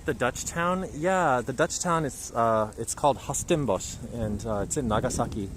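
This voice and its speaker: A man's voice: medium pitch, normal speed. Chatty man on a city street. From Japan. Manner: chatty, reading out viewer comments. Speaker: livestream host. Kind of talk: casual livestream walking tour. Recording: outdoor street recording with traffic noise. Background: traffic and street noise.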